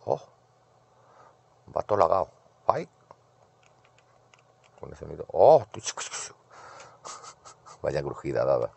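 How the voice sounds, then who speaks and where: Male streamer, very low gravelly voice, mutters to himself through retro arcade play. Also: darkish tone. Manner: muttering, talks to himself while playing. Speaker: gaming streamer. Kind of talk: casual gameplay commentary.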